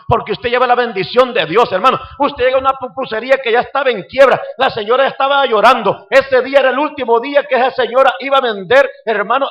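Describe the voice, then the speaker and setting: A man's voice: very high voice, highs cut off. A man with a Salvadoran Spanish accent, preaching a sermon as pastor with fervent appeals to the congregation. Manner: impassioned preaching, calls out to the congregation, acts out quoted voices.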